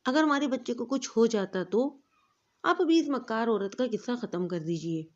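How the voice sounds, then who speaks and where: A woman voicing a cruel, scheming young wife who taunts and shouts at her rival, in a storybook reading. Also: on the high side, animated, highs cut off, close to an everyday voice. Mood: angry.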